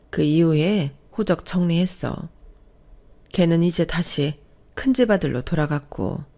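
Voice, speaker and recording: A woman voicing a firm, generous older mother-in-law in plain, measured speech. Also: sits low, a little mellow.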